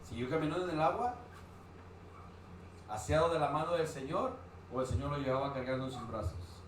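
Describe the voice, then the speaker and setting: Male preacher, fairly high voice, booming hall echo, asks the congregation questions. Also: brisk, distant mic. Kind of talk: sermon. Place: church hall. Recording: very echoey church hall, faint noise.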